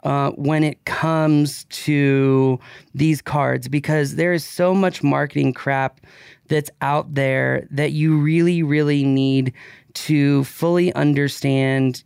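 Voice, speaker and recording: Man, podcast co-host, casual rambling chat, slightly high voice, dry close sound. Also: gravelly, darkish tone, clear, resonant tone, no room sound. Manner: rambling, chatty, restarts a lot.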